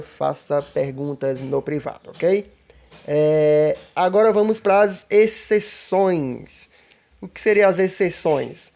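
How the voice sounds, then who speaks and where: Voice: mid-range voice, a little mellow. A teacher giving a recorded grammar lesson, explaining patiently and repeating checks for understanding. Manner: patient, repetitive explaining with frequent "né?" and "ó".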